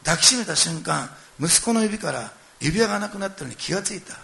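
Middle-aged man, sermon, gravelly and fast, animated storyteller who speaks directly to the congregation. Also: high-pitched. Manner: animated storytelling, acting out quoted lines and addressing listeners directly. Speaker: pastor.

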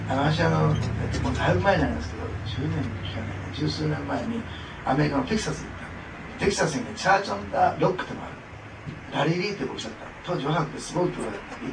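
A male pastor preaching a sermon with fervent, expressive delivery, often breaking into laughter. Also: a little high, gravelly. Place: church sanctuary. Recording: echoey hall from a distance with noise.

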